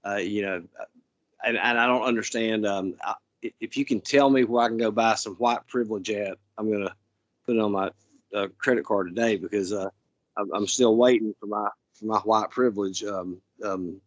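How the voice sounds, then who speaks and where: A man chatting casually as an interviewer, giving opinions in a halting, stammering way with repeated words. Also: on the low side, fairly even intonation, no echo, dull audio.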